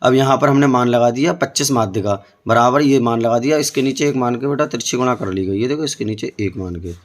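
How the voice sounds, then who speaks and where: A medium-pitched man from India talks a little fast as he tutors for board exams. He solves the math problems one step at a time, asking his students questions as he goes.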